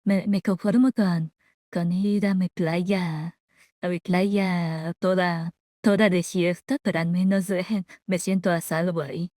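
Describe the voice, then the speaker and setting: A woman's voice: on the low side, level tone, takes it slowly, warm tone, no echo, studio quality. A woman with a Latin American Spanish accent chatting casually with viewers on a live stream in a giggly, slangy, informal way. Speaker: VTuber streamer reacting to a video.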